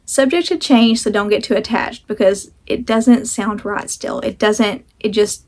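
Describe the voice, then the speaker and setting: A woman vlog host chats casually to camera, rambling and self-deprecating, with a sore jaw that slightly restricts her mouth. Her voice is medium-pitched and darkish in tone, and she speaks unhurriedly.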